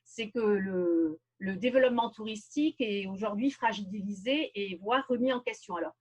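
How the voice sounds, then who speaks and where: Husky-voiced woman giving a webinar talk. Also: mid-range voice, darkish tone, rough recording. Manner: measured, explanatory, with frequent pauses. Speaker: webinar speaker. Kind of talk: lecture-style presentation. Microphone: video call.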